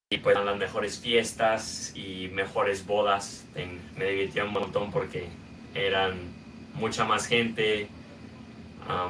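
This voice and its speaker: A young Guatemalan man tells his own story as a podcast host, loose and unhurried, dropping in small filler sounds. His voice sits fairly low but has a bright, forward edge, and his pitch barely moves. He sounds a little away from the mic, with a faint hum of room noise behind him. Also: far from the mic. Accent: Guatemalan Spanish. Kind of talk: personal storytelling monologue.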